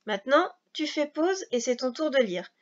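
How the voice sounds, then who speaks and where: Woman, teacher, slightly high voice, patient step-by-step explaining, dull lo-fi recording. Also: big pitch swings, moderate pace. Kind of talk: recorded reading lesson for young children.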